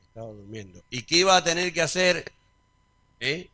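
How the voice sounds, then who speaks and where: A middle-aged man preaching a sermon, calling out to the congregation and swinging from quiet to loud. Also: a little high, expressive, normal speed, no room sound. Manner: call-and-response preaching, big swings in loudness. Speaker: pastor.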